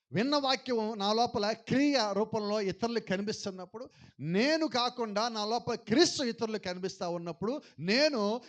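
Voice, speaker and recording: Pastor guy preaching, pretty high voice, keeps calling on the crowd to say it louder, drops english phrases in. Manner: preaching with call-and-response, urging the congregation to answer louder. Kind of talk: sermon.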